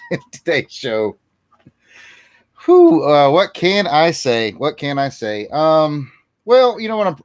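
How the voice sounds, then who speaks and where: A man with a mid-pitched voice co-hosts a casual football fan show. He makes his points emphatically and deliberately, leaning on key words. The sound is close and dry. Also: dry recording. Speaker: sports podcast co-host. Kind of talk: casual fan talk and ranting about college football.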